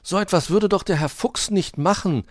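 A man voicing a kind, gentle male rabbit in a storybook, speaking with soft doubt. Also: high-pitched, moderate pace, no room sound, clean studio sound, pitched above the performer's own voice, natural voice. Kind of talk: storybook read-aloud.

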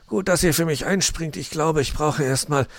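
A man voicing a flustered middle-aged male fox in a storybook, pitched high and loud. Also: normal speed, no echo, close to an everyday voice. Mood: weary.

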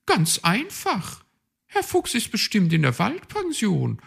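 A man's voice: huge pitch swings, slow, gravelly, fairly bright tone, breathy edge, full character voice. A man voicing a proud, bossy female magpie detective in a storybook read-aloud, know-it-all and dismissive. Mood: haughty. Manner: shrill, know-it-all, brushes off objections.

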